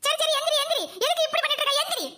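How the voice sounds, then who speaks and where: A woman voicing a strict mother in a comedy cartoon, scolding with short brisk commands. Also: very high-pitched, steady tone, bright, forceful tone, a little hiss or hum.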